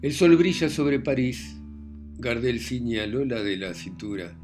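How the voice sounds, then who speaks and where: A man with a mid-pitched voice reads a story calmly and evenly. A plucked guitar plays clearly underneath. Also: measured pace. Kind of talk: scripted storytelling narration.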